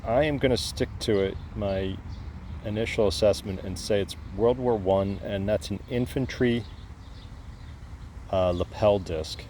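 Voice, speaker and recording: Faint outdoor noise sits behind a man with a fairly low voice. He narrates casually like a hobbyist vlogger out in the field. His delivery is a bit tentative, as if thinking aloud. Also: unhurried, a little mellow. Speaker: metal detecting hobbyist showing finds. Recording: clear outdoor background noise.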